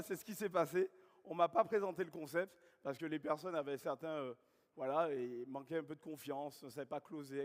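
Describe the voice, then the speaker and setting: A high-voiced seminar speaker from Guadeloupe gives an energetic motivational talk on stage in a large, reverberant hall. He questions and calls out to the live audience.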